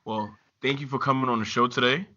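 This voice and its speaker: A man hosting a podcast, energetic and joking as he wraps up an interview. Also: medium pitch, fast, dull audio. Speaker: podcast host. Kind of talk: casual podcast chat.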